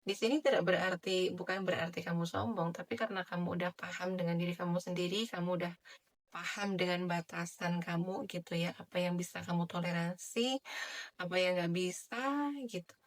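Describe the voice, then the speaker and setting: Low-voiced woman reading tarot. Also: fairly even intonation, a little fast. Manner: soft, chatty, with many filler tags and light laughs. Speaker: tarot reader. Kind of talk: general tarot reading monologue.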